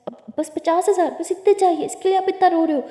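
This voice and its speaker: A woman's voice: a little high, steady tone, brisk, mellow, natural voice. A woman voicing a caring young college woman who coaxes and lightly scolds her girlfriend. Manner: soothing, coaxing, lightly scolding. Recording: echoey reverberant room.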